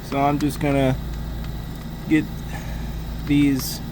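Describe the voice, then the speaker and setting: Young male hobby mechanic, unhurried rambling commentary full of ums, outdoors by a truck, noisy camera audio. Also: medium pitch, monotone. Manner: rambling, full of fillers and restarts. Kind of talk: casual work-along commentary. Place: outdoors in a driveway beside a truck.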